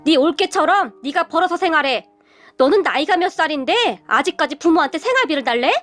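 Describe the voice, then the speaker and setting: Brief: stern older patriarch laying down the law, read by a woman narrator, animated delivery. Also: sits high, fairly quick, no echo, faint music behind. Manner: stern, commanding. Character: stern elderly father-in-law, slow to anger but fearsome.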